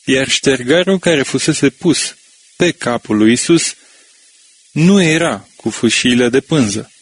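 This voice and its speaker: A man with a husky, slightly breathy voice reads scripture aloud. His delivery is steady and measured, with slow pauses between phrases. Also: mid-range voice. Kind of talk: scripture reading.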